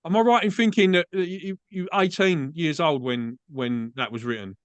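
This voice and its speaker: The host, an Englishman with an Essex accent, conducts a relaxed, agreeable interview for a podcast in Australia and keeps saying "mate." His fairly high voice is clean and moves at a normal speed, free of echo.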